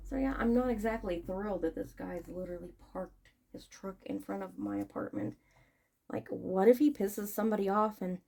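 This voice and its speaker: Female vlogger, mid-pitched with noticeable fry and a soft-edged tone; loose, digressive talk while working. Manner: informal, digressive, thinking aloud. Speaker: online vlogger and small seller packing orders. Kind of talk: casual rambling chat while working.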